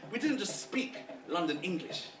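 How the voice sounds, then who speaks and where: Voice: medium pitch, big pitch swings, moderate pace, natural voice. A performer voicing a sly, ancient trickster spider spirit with a Jamaican accent, in a rhythmic, chuckling spoken-word delivery, heard from a distance in a roomy space over music. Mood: sly boastful.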